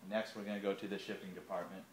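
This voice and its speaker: A man in his thirties with a deep, flat, rapid-fire voice gives a casual walking tour of a large indoor parts warehouse, listing items as he films on a handheld phone. The space is echoey with a faint hum.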